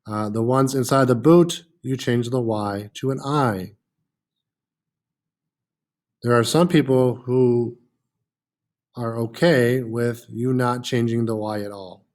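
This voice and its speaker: Guy teaching french class, slow and patient, says uh a lot, repeats stuff. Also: medium pitch, steady tone, a little mellow. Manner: slow, patient, repeats words, many "uh" fillers. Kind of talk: classroom lesson.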